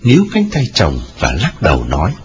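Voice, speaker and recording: A man's voice: huge pitch swings, fairly quick, breathy edge, dull audio. A man narrating a ghost story in a dramatic storytelling manner. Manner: dramatic storytelling with wide swings in pitch. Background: music.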